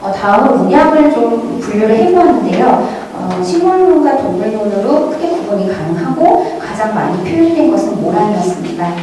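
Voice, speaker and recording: Very animated and a little fast, barely pausing, a woman with a fairly high, mellow voice presents a prepared academic talk at a museum conference. She's captured from a distance in a large, very echoey indoor hall, with faint noise present.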